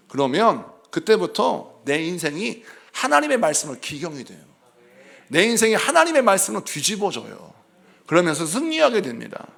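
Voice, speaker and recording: A middle-aged senior pastor preaching a revival-style sermon in a church, swinging between shouted lines and soft asides and joking with the congregation. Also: male voice, high-pitched, vocal fry. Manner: jokes and laughs with the congregation. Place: church sanctuary.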